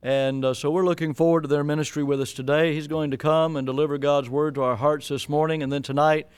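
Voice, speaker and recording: A man's voice: on the high side, little pitch movement, quick pace, darkish tone, clear, resonant tone, no room sound. A man, the pastor, introducing a guest missionary to his church in a folksy, joking way with frequent uh's.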